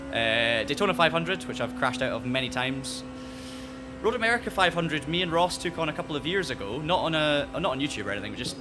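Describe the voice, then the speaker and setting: Soft Highland Scottish man, music behind. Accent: soft, fairly neutral Highland Scottish. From Scottish Highlands, north of Inverness. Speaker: livestream host and sim racer. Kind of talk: casual livestream chat while gaming.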